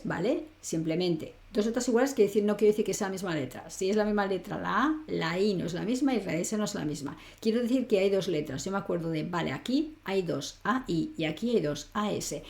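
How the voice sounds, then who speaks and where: A woman's voice: medium pitch, darkish tone. A woman teaching an online grammar lesson, explaining patiently and often checking in with her student. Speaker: language teacher.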